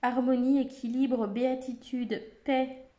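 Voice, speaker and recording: A woman's voice: high voice, little pitch movement, unhurried, mellow. A woman casually presenting an oracle card deck, reading out lists of keywords with frequent hesitations and fillers.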